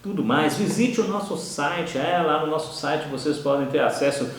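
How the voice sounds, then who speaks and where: A Brazilian man with a Brazilian Portuguese accent teaching an online course, who keeps checking in with quick "ok?" and "tá?" asides. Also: on the high side, recorded from a distance, slight background noise. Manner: explanatory, frequent "tá?" and "ok?" checks. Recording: echoey room, voice from off-mic.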